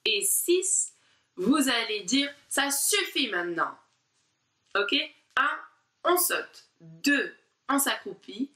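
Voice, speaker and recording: A woman teaching a diction warm-up lesson, articulating syllables slowly and with exaggerated care while guiding exercises. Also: high voice, very animated, echoey room, far from the mic. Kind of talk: online speech warm-up lesson.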